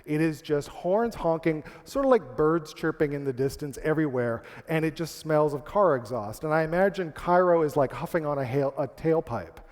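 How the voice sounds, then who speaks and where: A man's voice: fairly high pitch, normal speed, few pauses. A man from Canada telling a comic, self-deprecating story on stage as a speaker. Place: large hall, on stage. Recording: long hall reverb.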